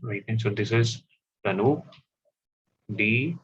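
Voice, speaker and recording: A man teaching a class, explaining step by step and often pausing with fillers. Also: lowish voice, a little hiss or hum. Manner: slow, stop-start explaining with fillers. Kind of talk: classroom map lesson. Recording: dull, slightly lo-fi audio.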